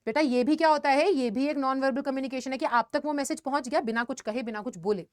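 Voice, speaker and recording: A young woman teacher with an Indian accent, giving an animated exam-prep lesson and calling her students "beta". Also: sits high, quick pace, no echo, studio quality. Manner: animated, addresses students as beta, mixes English phrases.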